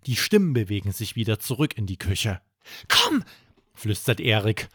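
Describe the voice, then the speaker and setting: Calm, slow bedtime storyteller man. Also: medium pitch, no echo, clean studio sound. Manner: calm, gentle, expressive storytelling. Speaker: children's storyteller.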